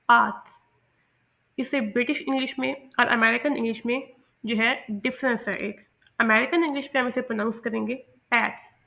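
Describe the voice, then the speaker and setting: A woman's voice: on the high side, sharp tone. A woman from Pakistan with a Pakistani accent teaching English pronunciation patiently, often repeating and correcting herself. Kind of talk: explanatory lesson, mixing Hindi-Urdu with English.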